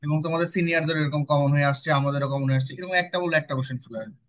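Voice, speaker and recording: A man's voice: on the high side, fairly even intonation, racing. A young man with a Bangladeshi accent tutoring students, explaining step by step and checking in with them often. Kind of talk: classroom lecture with student questions.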